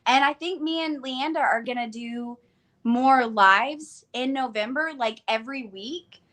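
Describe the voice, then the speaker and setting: A woman's voice: sits high, unhurried, a bit bright. A woman in her thirties with an Arkansas Southern twang, chatting casually and enthusiastically as co-host of a live stream. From Arkansas, United States. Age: 30s. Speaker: online book channel co-host.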